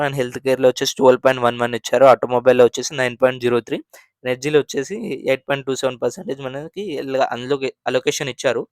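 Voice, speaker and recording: Man, finance host, clear smooth voice, dry close recording, chatty explanation with restarts. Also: mid-range voice, no echo. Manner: conversational, many fillers and restarts, mixes English terms. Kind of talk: explaining mutual fund data.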